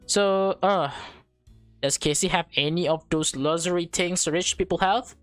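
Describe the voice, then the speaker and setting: Speaking at a measured pace in a lowish voice, a woman narrates a visual novel for a let's play. Her comments are casual, she refers to the audience as "guys" and "man," and music plays underneath.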